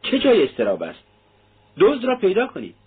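A man's voice: sits high, huge pitch swings, breathy edge, voice pushed up, heavily acted. A man reading the part of a defiant young male student who argues in cutting lines. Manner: argumentative, cutting. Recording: tinny narrow-band audio.

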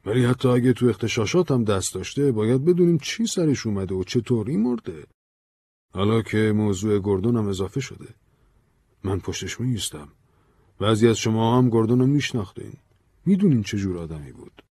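Storybook: tired earnest man, low, lively inflection, male narrator. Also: husky, no echo. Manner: measured, tired. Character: weary, earnest man, Ben, calm and burdened.

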